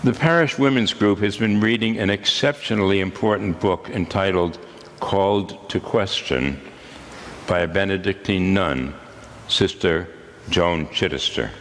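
Old guy in his 80s preaching a sermon, lowish voice, slow solemn pauses, long church echo. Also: a bit bright, a little hiss or hum. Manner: measured, solemn delivery with deliberate pauses. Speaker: priest.

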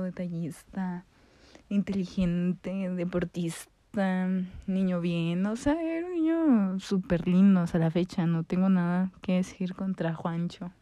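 Young Mexican woman vlogger, warm and mellow, dry close recording, chatty and profane. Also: lowish voice, no echo. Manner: slangy, animated, swears freely. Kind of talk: casual storytime chat.

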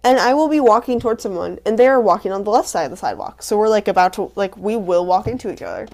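Lively young woman telling a story. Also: mid-range voice, fast. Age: young adult. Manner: animated storytelling, many "like" fillers. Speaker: podcast co-host. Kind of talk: casual chat.

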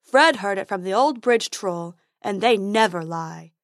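A woman voicing a silly, stubborn male unicorn in a storybook, slow, dopey and gossipy. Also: mid-range voice, expressive, no room sound, studio quality. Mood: dopey, chatty. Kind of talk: storybook character voice.

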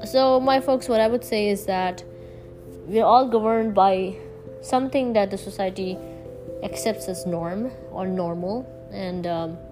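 A woman delivers a reflective solo podcast monologue over clearly audible music. Her voice sits at a middling pitch. She speaks haltingly, searching for words, and leans firmly on key ones as she addresses her listeners. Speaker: podcast host. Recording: music bed behind the voice.

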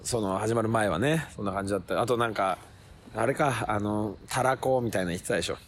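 A comedian chatting casually with a friend, roughly and loosely, often acting out other people's lines in a loud, high voice. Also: male voice, fast talker, slight background noise. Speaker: comedian podcast host. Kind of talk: casual chat recorded outdoors. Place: city park at night.

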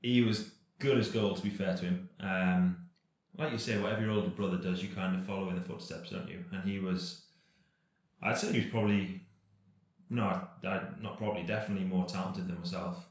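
A man in his thirties talks casually as an interview guest, loose and rambling, often restarting his sentences. His voice sits very low and barely moves in pitch. The sound carries a heavy room echo. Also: a little fast. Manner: relaxed, rambling, many fillers and restarts. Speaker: professional cyclist guest.

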